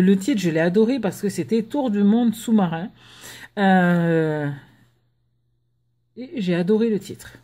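Woman vlogger, mellow tone, hushed, chatty with hesitations, casual home unboxing. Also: lowish voice. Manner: chatty, hesitant with many fillers; talking softly while children nap. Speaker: crafting vlogger.

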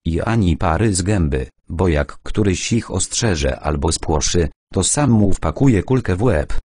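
A man's voice: deep voice, animated, measured pace, a little mellow, husky, dry recording, clean studio sound, full character voice. A man voicing a harsh army sergeant who gives curt, crude orders during a night raid in an audiobook. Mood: stern, hushed. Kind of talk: audiobook character voice.

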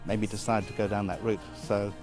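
A man's voice: lowish voice, level tone, fairly quick, over music. A man, an astronomy professor answering interview questions in a modest, thoughtful way with small restarts. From Britain. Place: outdoors beside an observatory dome on a hill.

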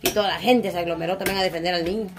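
A woman's voice: lowish voice, steady tone, racing, a loud crowd. A woman chatting with a friend, asking questions and reacting with sympathy and indignation. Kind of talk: casual chat.

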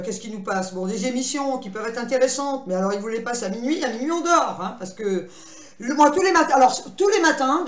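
A chatty woman talks straight to her viewers from her computer desk at home, rambling from one small topic to the next. Her voice sits a little high. It rings around a roomy, echoey space, and she keeps teasing herself as she goes. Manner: rambling, talkative, self-mocking. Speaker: vlogger. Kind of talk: casual chatty vlog monologue.

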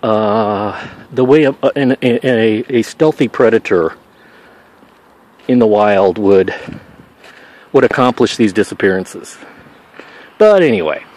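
A man's voice: on the low side, slow, pauses often, a little mellow. A man vlogging as he walks outdoors with his dog, rambling and musing aloud with many fillers, a little out of breath. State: somewhat out of breath from walking. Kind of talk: casual walking vlog monologue.

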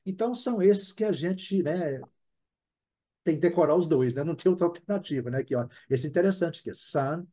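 A man's voice: a little high, brisk, warm tone. Chatty Brazilian man teaching a class. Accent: Brazilian Portuguese. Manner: chatty, often adds tag questions. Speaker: English teacher. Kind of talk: live online language class.

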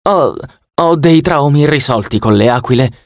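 A man's voice: medium pitch, animated, normal speed, dry recording, studio quality, voice pushed up, lightly acted. A man voicing a vain, flashy young male god who talks in a theatrical, preening way and startles easily, for an audiobook. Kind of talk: audiobook character voice.

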